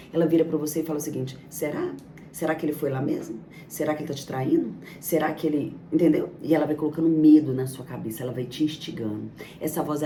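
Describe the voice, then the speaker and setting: Low-voiced woman coaching emphatically. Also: dark tone, recorded from a distance, a little hiss or hum. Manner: emphatic, piles up lists and rhetorical questions. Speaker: motivational coach. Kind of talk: motivational self-help talk. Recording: echoey room, off-mic, faint ambience.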